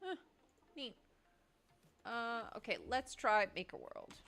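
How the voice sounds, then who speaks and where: A woman chatting excitedly on a casual livestream, thinking aloud in slangy, chatty bursts. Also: a little high, takes it slowly, a little hiss or hum.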